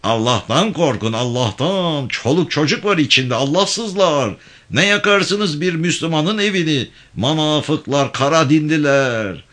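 A man voicing an indignant village imam who shouts and rebukes loudly. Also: on the high side, expressive, a little slow, voice pushed up. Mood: outraged. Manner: loud raised preaching cries.

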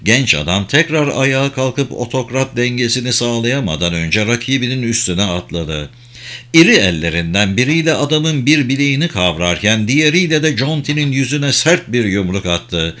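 A man narrates a story in a measured, dramatic style. His voice sits in a middle range. He reads the fight scenes at a deliberate, even pace. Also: mid-range voice. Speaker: audiobook narrator. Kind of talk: scripted narration.

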